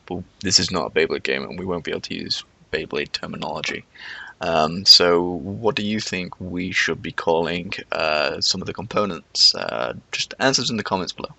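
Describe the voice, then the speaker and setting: A man's voice: low voice, moderate pace, vocal fry, bright, forceful tone, no echo. A man with whistling S sounds, giving a rambling, self-deprecating, unscripted narration as a game developer.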